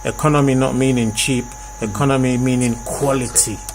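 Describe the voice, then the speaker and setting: A man's voice: medium pitch, steady tone, brisk, a little hiss or hum. A man hosting a casual group discussion, often repeating and rephrasing his points for emphasis. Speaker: host.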